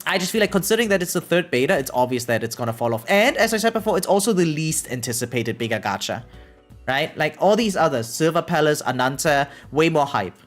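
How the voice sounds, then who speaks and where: A variety game live streamer rambles through casual stream chat, thinking aloud while gaming, with music playing behind. The mid-range voice is animated and quick, and sentences keep ending with "right?".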